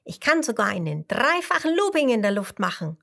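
A woman voicing a tiny, boastful male mosquito in a storybook read-aloud, talking eagerly and loudly. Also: fairly high pitch, big pitch swings, a little fast, gravelly, full character voice. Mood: excited. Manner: eager, loud, show-offy. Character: small boastful male mosquito, excited chatterbox.

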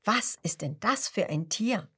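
A woman's voice: medium pitch, animated, measured pace, fairly bright tone, husky, heavily acted. A woman voicing a curious young squirrel from England who asks eager questions.

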